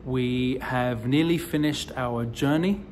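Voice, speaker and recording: A man in his forties giving a recorded sermon as a rabbi, telling the story slowly with emphatic rises, filmed close up on a phone indoors. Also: medium pitch, a little mellow, a little hiss or hum. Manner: slow, deliberate storytelling delivery with emphatic rises. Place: indoors in front of a decorative wall. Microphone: phone or camera close to the face, selfie framing.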